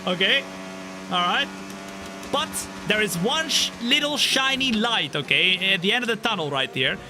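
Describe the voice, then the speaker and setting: This twenty-five-year-old streamer has a high, animated voice and speaks at a moderate pace. He calls a racing game live for his viewers, teasing himself and cracking jokes as they chat. Racing car engine noise from the game runs behind him throughout.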